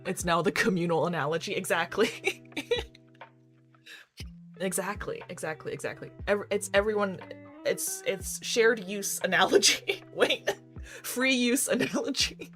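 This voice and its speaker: A woman's voice: mid-range voice, a little slow, a bit bright. A woman psychiatrist chatting casually on a live stream, talking in circles and laughing often. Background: faint background music.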